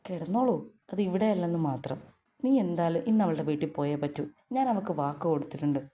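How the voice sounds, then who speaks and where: A woman's voice: on the low side, animated, fast talker, warm tone, lightly acted. A woman voicing a kind, doting mother-in-law who soothes and reassures. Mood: scolding. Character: kindly doting middle-aged mother-in-law.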